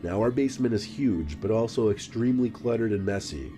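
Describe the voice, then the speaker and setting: A man reading a scripted story in a calm, measured narration. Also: fairly low pitch, faint music behind.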